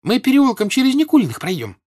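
Man putting on a shrill wailing servant girl. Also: wildly swooping pitch, a little fast, fairly bright tone, exaggerated voice. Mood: urgent.

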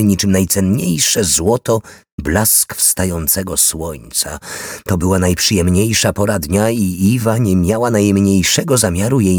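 A man reading a novel aloud in a steady, measured storytelling voice. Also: low-pitched, slightly rough, no room sound, clean studio sound. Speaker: audiobook narrator. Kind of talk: scripted narration.

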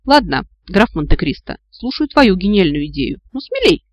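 A man voicing a feisty, sharp-tongued young woman who scolds and mocks her companions, in a storybook reading. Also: high-pitched, sing-song, moderate pace, dry recording. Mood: sarcastic. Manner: sarcastic, exasperated, scolding.

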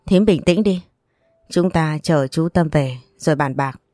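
A woman's voice: sits low, a little slow, dark tone, no room sound, studio quality, soft background music. A woman voicing a firm, reproachful older man who is the family elder in a read-aloud story.

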